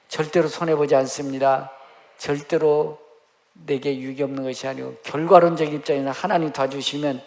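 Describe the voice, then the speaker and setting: A man's voice: mid-range voice, gravelly. A male pastor preaching a Sunday sermon in a church, exhorting the congregation emphatically, with casual asides. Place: church sanctuary. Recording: long church hall reverb.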